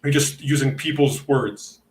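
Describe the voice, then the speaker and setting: A man's voice: medium pitch, fairly even intonation, measured pace. Blunt Italian-accented man, echoey room. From Italy. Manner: blunt, heated, profane about opponents. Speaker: podcast host. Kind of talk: casual debate podcast chat.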